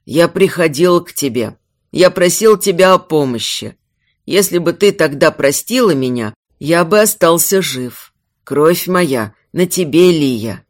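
Ghostly father, middle-aged man, hushed, sorrowful, slow, voiced by a woman. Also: low-pitched, big pitch swings, pitched below the performer's own voice, full character voice. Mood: mournful. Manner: quiet, mournful, slow.

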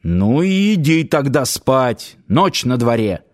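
A grumpy one-legged old warden grumbles in a gruff voice, as a male narrator puts him on. He speaks grudgingly and with suspicion, from an audiobook. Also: medium pitch, big pitch swings, slow, a little mellow.

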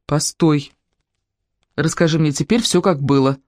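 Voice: medium pitch, unhurried, a little mellow, dry recording, clean studio sound, close to an everyday voice. A reader doing a cheerful teasing mother. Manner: playful, knowing. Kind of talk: audiobook character reading.

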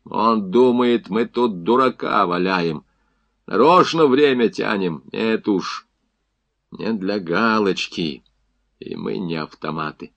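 A man voicing an exhausted, gruff male army field surgeon, curt and grumbling in an audiobook reading. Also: low-pitched, expressive, moderate pace, muffled recording.

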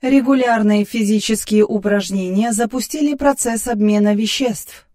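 A man's voice: high-pitched, normal speed, darkish tone, voice pushed up, natural voice. A man voicing a sarcastic female AI who lives in a man's head, speaking in a raised, cool voice in an audiobook. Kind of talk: audiobook character voice.

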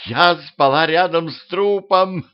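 A man's voice: fairly high pitch, slow pace, clean tone, pitched above the performer's own voice. A man voicing a young female vampire who whines and complains about hunger, in a self-made audiobook. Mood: shrieking. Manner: whiny, petulant. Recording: dull lo-fi home recording.

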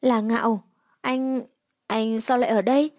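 A woman voicing a fierce, stubborn young heroine who snaps back with sharp, defiant retorts. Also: on the high side, steady tone, measured pace, dry recording, studio quality, close to an everyday voice.

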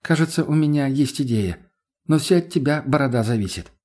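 A man voicing a calm, clever young woman who speaks in a measured, persuasive way. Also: mid-range voice, pitched above the performer's own voice, lightly acted.

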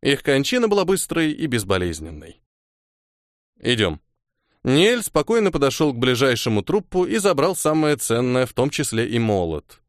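Expressive male audiobook narrator. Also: medium pitch, no echo, clean studio sound. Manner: expressive, measured storytelling.

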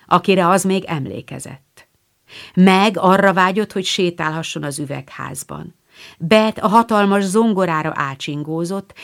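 Brief: woman narrator, low-pitched, even storybook delivery. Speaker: audiobook narrator. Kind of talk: scripted narration.

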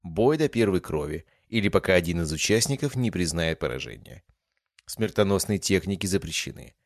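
A man's voice: low voice, very animated, a little fast, dry recording, studio quality. A man voicing a stern female referee who announces rules in a formal way. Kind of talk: audiobook character voice.

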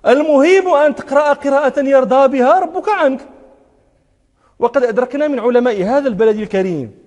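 A man's voice: very high voice, fairly quick, darkish tone, big-room sound. A man teaching a religious lesson, emphatic, repeating words for stress and chanting his quotations. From Morocco. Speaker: sheikh teaching hadith commentary.

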